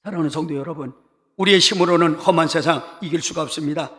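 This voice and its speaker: A male pastor exhorts his congregation with emphatic, repeated phrases. His voice is high and bright. It carries through a sanctuary with long reverb. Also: fast. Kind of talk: sermon. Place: church sanctuary. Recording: reverberant church hall.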